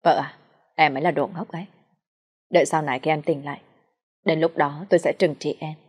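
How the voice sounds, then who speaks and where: A woman's voice: low voice, steady tone, a little fast, a little mellow, husky. A woman reading an audiobook voices a cold, ruthless young male boss who gives icy commands. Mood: tender.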